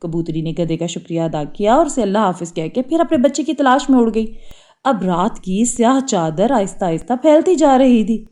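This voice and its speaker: A woman narrating a children's moral story in an expressive, measured way. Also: fairly high pitch.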